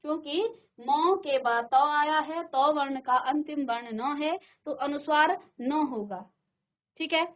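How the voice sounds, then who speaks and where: A woman teacher with a high voice gives a slow, deliberate grammar lesson, repeating each point and checking in with her class. She sounds middle-aged, and the studio broadcast has a slightly dull, lo-fi sound. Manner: patient, repeats and checks with "ठीक है".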